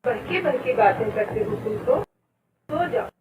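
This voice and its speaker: An actress playing a gentle woman who tends to a sick man and a child, speaking in a soothing, coaxing way in 1930s film acting. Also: fairly high pitch, lively intonation, measured pace, far from the mic. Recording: tinny, echoey, noisy old film sound.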